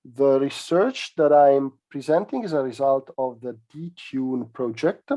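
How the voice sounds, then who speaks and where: A male researcher delivers a technical conference presentation, explaining in a measured way and pausing hesitantly mid-phrase. His voice is mid-range with a dark tone.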